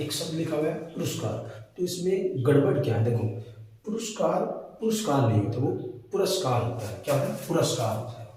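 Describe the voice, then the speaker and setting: A young male teacher works through spelling corrections word by word. He keeps quizzing with short questions and repeats each answer. His slightly high, mellow voice comes from some way off the mic in a very echoey room, with a faint hiss underneath. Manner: repetitive, quizzing students with questions. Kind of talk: Hindi spelling lesson. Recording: roomy echo, distant mic, faint noise.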